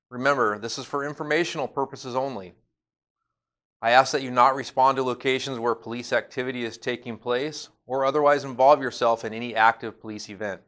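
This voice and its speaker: A middle-aged man with an American accent, speaking as a police chief and delivering a formal, measured, scripted public service message. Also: medium pitch, fairly bright tone. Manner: formal, measured official address. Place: indoors in an office by a window.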